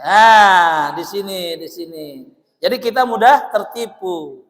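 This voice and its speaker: A male preacher giving a dawn sermon in a mosque, telling stories in a lively way, acting out dialogue and often laughing. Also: high voice, takes it slowly. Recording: echoey hall reverb.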